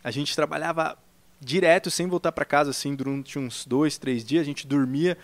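A man in casual chat telling a work story, animated and acting out old conversations, saying "cara" often. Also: a little high, normal speed, no room sound. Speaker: podcast co-host telling his work story.

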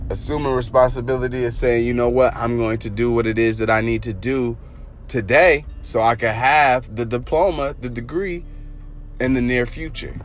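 A man's voice: medium pitch, fairly even intonation, normal speed. A man hosting a motivational show, talking in a slangy, informal way and preaching conversationally with repeated rallying phrases. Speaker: host of a motivational podcast. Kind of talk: casual motivational talk.

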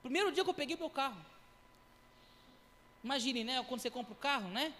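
A high-pitched man preaching a testimony in church, spinning his story with acted quotes and noises. His voice carries a long reverb from the hall around him. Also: a little fast. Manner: animated storytelling with acted quotes and sound effects. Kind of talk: sermon testimony.

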